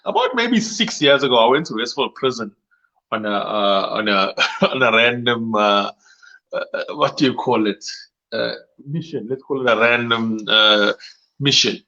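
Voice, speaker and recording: A man's voice: mid-range voice, expressive, normal speed, sharp tone. Laughing Durban-accented man telling stories. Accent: South African English, Durban. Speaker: co-host. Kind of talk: casual storytelling chat. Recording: muffled mic.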